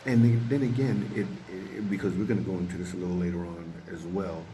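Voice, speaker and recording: Deep guy chatting as co-host, kinda halting, echoey balcony with faint noise. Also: fairly even intonation, warm tone. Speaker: podcast co-host. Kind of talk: conversational TV recap. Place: outdoor balcony by the sea. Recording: slight echo on balcony, background noise. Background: waves, ambient noise.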